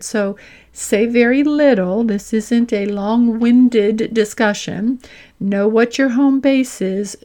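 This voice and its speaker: Hosting an instructional podcast, a career coach explains her points and example dialogue deliberately, putting stress on key phrases. Her voice is on the high side with a darkish tone.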